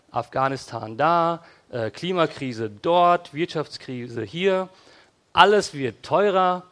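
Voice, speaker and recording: A man's voice: mid-range voice, a bit bright. A man preaching a casual, conversational sermon in a church, addressing listeners directly and playfully acting out their worried and critical thoughts. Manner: conversational, ironic asides acting out worried inner voices.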